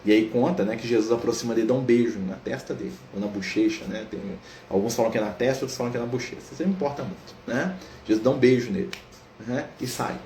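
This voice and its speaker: A man leads a spiritist study group, narrating a saint's life at a fast clip. He keeps checking in with "né?" and slips into the characters' voices for their dialogue. The room is echoey, with a faint hiss behind him. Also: medium pitch, a little mellow. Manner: storytelling, frequent "né?" tags, acts out dialogue. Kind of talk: informal spiritual lecture.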